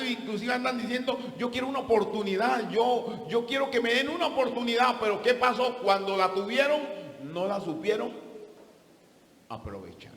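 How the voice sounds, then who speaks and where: Pastor guy preaching, high voice, lots of "¿o no?" questions, big echoey room. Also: a bit bright. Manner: preaching with emphatic rhetorical questions. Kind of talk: sermon.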